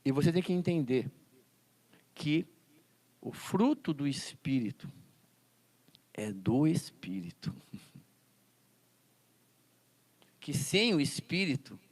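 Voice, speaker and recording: A man's voice: a little high, expressive, slow, long pauses, darkish tone. A man teaching a Bible school lesson, quoting scripture and asking the class rhetorical questions. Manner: quotes scripture and acts out classroom scenes.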